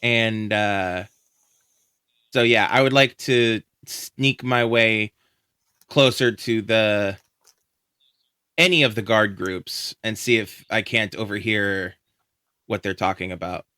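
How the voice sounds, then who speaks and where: A man playing a tabletop game, halting and thinking aloud as he plans his character's moves. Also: on the low side, steady tone, sharp tone, clean tone, no echo, studio quality. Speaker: player.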